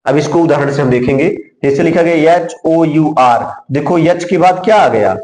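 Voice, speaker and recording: A man's voice: on the high side, normal speed, a little mellow. A man teaching a classroom lesson. He asks questions and then answers them himself. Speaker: English teacher. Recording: echoey room.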